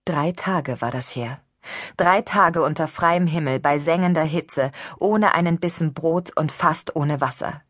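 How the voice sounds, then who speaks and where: A woman reading an audiobook in steady, even scripted narration. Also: low voice, measured pace, no room sound, clean studio sound. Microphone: studio microphone.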